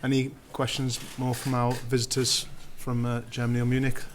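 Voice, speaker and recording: Male press officer, quick and businesslike, monotone delivery, audible background noise. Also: mid-range voice. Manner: brisk, businesslike. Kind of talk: press conference moderation.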